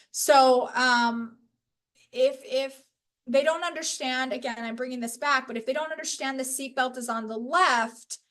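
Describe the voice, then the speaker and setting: High-voiced, chatty woman instructor. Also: a bit bright. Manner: casual, chatty, self-correcting with light laughs. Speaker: workshop instructor. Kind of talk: live training presentation.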